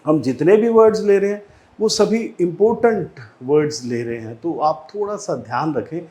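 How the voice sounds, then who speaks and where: A man with an Indian accent teaching an exam-prep English lesson, explaining slowly and repeating each word for drill. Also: fairly high pitch, lively intonation, darkish tone.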